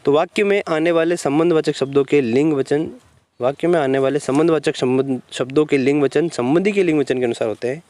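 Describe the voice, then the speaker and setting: A man delivers a grammar lesson in a somewhat high voice. He walks through each rule slowly, poses questions to the class and answers them himself, with steady classroom patience. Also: no echo. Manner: explains step by step, asks and answers his own questions, repeats "ठीक है". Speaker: Hindi grammar teacher. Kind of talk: classroom-style grammar lecture.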